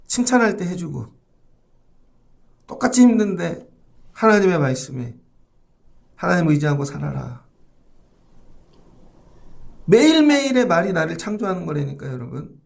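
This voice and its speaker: Middle-aged male pastor, gravelly and a touch high-pitched, conversational church sermon. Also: sing-song, moderate pace, long pauses. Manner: conversational preaching, addresses the congregation directly. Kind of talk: early-morning sermon.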